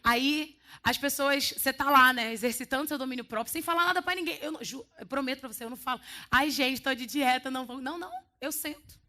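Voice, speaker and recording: A woman with a Brazilian Portuguese accent preaching a sermon in a church, telling stories in a lively way with playful quoted voices. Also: high-pitched, fast talker. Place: church hall.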